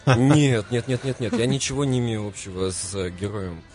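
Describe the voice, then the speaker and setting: Мужчина, гость радиоинтервью, говорит картаво, не раскатывая «р», с паузами и повторами слов. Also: male voice, medium pitch, steady tone, moderate pace, darkish tone. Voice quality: burred non-rolled r (kartavit), like w for r. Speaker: radio guest, advertising and marketing specialist. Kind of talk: radio interview talk. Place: radio studio. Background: clear music.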